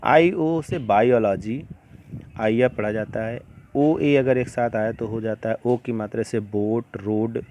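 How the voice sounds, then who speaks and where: A man teaching English to beginners, explaining slowly and patiently with many examples. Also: medium pitch, a little mellow. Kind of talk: beginner classroom-style lesson.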